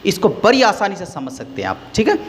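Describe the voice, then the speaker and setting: A man teaches grammar in a high, very animated voice that jumps up and down to stress each point, explaining slowly, repeating key terms and quizzing his listeners. The room adds a long, ringing reverb, with slight background noise.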